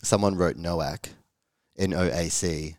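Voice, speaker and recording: A man with a croaky, hoarse voice in a casual educational discussion, speaking as a co-host. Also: sits low, slow pace, a little mellow, dry recording, clean studio sound. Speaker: podcast co-host on medical teaching.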